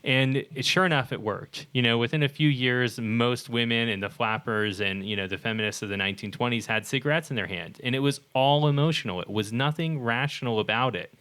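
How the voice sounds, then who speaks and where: A man's voice: medium pitch, a little fast, few pauses, fairly bright tone, clear, resonant tone. A man co-hosting a casual discussion podcast, talking in a rambling way with many fillers and restarts. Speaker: podcast co-host.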